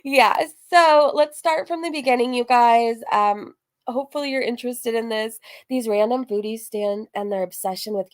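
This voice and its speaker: A woman with a slightly high voice, speaking at normal speed, hosts a casual reaction livestream on her online channel. Chatty and gossipy, she comments and reads out messages, repeating phrases for emphasis.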